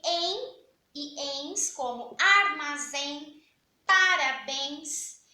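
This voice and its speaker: A young woman teaching a grammar class, her voice high and bright. She talks in a chatty way, asking questions and then answering them herself. The sound bounces around an echoey room. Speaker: Portuguese teacher. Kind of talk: online grammar lesson.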